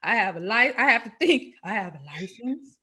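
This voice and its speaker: A woman's voice: fairly high pitch, sing-song, moderate pace, bright, forceful tone. A woman co-hosting a podcast, telling stories in a blunt, humorous way during a casual chat. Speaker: podcast co-host.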